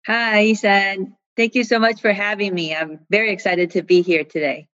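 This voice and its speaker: A woman's voice: mid-range voice, steady tone, moderate pace, a bit bright, no room sound, muffled recording. A middle-aged woman from Taiwan, a sleep physician, answering podcast interview questions thoughtfully with fillers and restarts.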